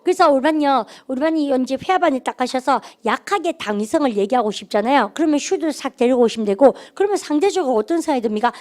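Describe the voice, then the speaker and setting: High-voiced middle-aged lady teacher, lively classroom lecture, makes the class repeat after her. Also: fast talker, hardly any pauses. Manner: animated, drills students to repeat aloud. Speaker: English grammar teacher.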